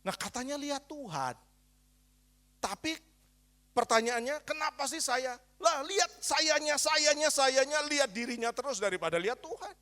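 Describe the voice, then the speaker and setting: A male pastor preaching a sermon, firing rhetorical questions at the congregation and coaxing them with a teasing, lively delivery. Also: extremely high pitch, moderate pace.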